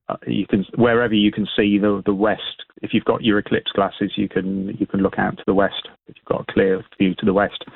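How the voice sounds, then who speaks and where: A British man speaking as an expert guest in a radio interview, explaining informally in a hesitant, halting way with repeated words over a phone line. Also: lowish voice, vocal fry, dry recording. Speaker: astronomy expert and event organiser, radio guest. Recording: band-limited tinny phone line.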